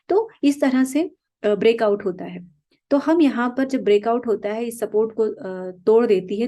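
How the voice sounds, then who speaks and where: A woman with a fairly high, mellow voice teaches stock trading. She talks patiently while pointing out things on a chart, and she keeps asking herself questions and then answering them. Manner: patient, repeats "okay" and asks herself questions. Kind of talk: explaining trading concepts over charts.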